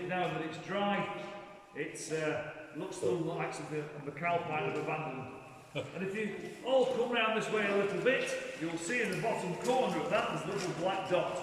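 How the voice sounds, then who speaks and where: High-voiced cave guide, heavily echoing. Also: male voice, background noise. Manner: explanatory, echoing cave-guide delivery with deliberate pauses. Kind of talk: guided cave tour commentary to a group. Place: inside a large show cave. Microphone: camera among the visitors, away from guide. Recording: echoey cave, distant mic, group chatter.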